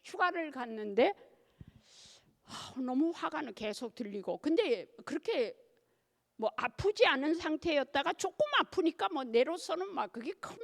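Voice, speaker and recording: An older nun speaks with a Gyeongsang Korean accent in a somewhat high, gravelly voice. Her pitch swings widely as she tells her story to a church audience. She keeps putting questions to her listeners. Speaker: nun giving a parish lecture. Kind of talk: church lecture. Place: church hall.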